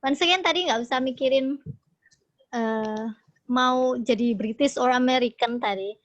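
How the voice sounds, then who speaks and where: A woman's voice: sits high, measured pace. Chatty woman teacher on a video call. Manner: chatty and encouraging, laughs often. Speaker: English teacher. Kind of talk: casual online class talk mixing English and Indonesian. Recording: dull lo-fi video call audio.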